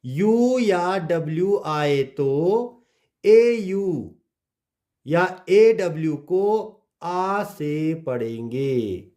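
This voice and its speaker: A man's voice: a little high, dark tone. A man teaching English pronunciation, spelling out words letter by letter and dropping his voice at the ends of phrases. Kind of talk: slow spelled-out phonics lesson.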